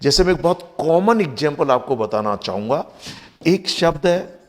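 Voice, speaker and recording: A man's voice: on the high side, animated, normal speed. A man with an Indian accent teaching English vocabulary in Hindi, spelling words letter by letter and mixing in English terms. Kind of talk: recorded vocabulary lesson.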